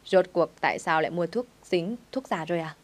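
A woman's voice: on the low side, fairly quick, close to an everyday voice. A woman reading the lines of a scheming middle-aged aunt in a told story. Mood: plotting.

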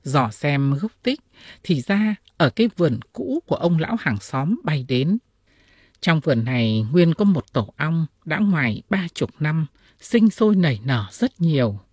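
Low husky woman reading old tales. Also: unhurried, no room sound, studio quality. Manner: expressive, dramatic reading. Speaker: audiobook reader. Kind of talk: storytelling narration of classic tales.

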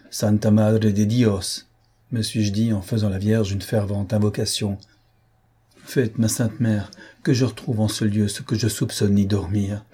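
A man's voice: fairly low pitch, warm tone, husky. A man doing a thundering sardonic rogue. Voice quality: thundering, mocking. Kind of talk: audiobook character voice.

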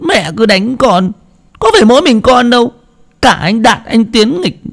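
Whimpering little boy, very high and complaining, voiced by a man. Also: big pitch swings, normal speed, vocal fry, heavily acted. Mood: whining. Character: whiny little village boy.

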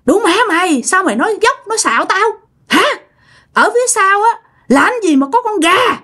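A woman voicing a possessed old woman who curses and scolds her family in a shrill voice. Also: very animated, unhurried, a bit bright, full character voice. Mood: furious. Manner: shrill, scolding, foul-mouthed. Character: possessed old woman, cursing spirit inside.

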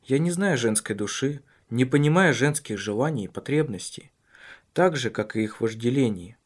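A calm, tactful husband who probes gently but won't let a question drop, in a storybook reading, as a male reader voices him. His tone stays measured and earnest, at a mid pitch. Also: close to an everyday voice. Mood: earnest, probing.

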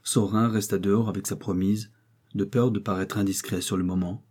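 A man reads a classic novel aloud at a steady, measured pace. His voice is low, dark and husky. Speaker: narrator. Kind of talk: audiobook narration of a classic novel.

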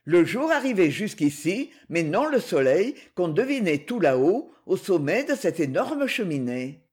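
A man narrating an adventure novel as an audiobook, in an expressive, dramatic reading. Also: high-pitched, a little slow, husky.

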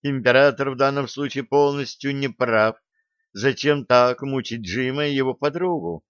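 A man's voice: mid-range voice, moderate pace, fairly bright tone, clear, resonant tone, no echo, lo-fi sound, voice pushed up, close to an everyday voice. A man voicing a young female elf who talks in a languid, scheming way. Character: dreamy young female elf, mistress of the cat.

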